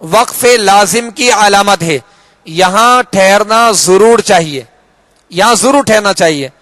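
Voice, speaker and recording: A high-pitched male teacher with a Pakistani Urdu accent explains reading rules patiently, repeating himself and stretching out example words. The recording is close and dry, with no room sound. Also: a bit bright, no room sound. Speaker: Quran recitation teacher. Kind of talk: slow explanatory lesson.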